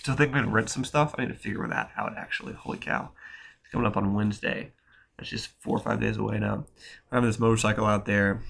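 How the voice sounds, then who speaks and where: Gravelly-voiced man with a stuffy nose. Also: fairly low pitch, steady tone, fast, a bit bright. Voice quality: nasal from a cold. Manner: loose, rambling, slangy talk with many fillers. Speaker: photographer vlogger. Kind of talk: casual rambling vlog.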